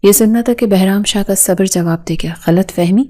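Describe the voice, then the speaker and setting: A woman reading a romance novel aloud as scripted narration, in a steady, even way. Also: mid-range voice.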